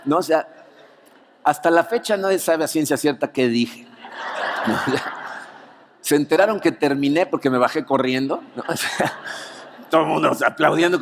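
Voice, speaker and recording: A male pastor with a Mexican Spanish accent tells a personal story from the pulpit, animated and conversational. His mid-range voice rings with the long reverb of a large church auditorium. He keeps checking in with the room through little asides. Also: medium pitch, vocal fry. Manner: animated storyteller, peppers lines with "¿no?". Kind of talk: anniversary sermon with personal story.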